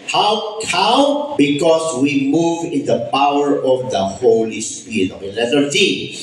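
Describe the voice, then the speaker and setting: A man's voice: a little high, animated, takes it slowly, slight background noise. A man preaching a Bible study sermon, emphatic and calling out praise often, mixing Tagalog and English. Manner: shouts when preaching. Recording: echoey room, mic far off.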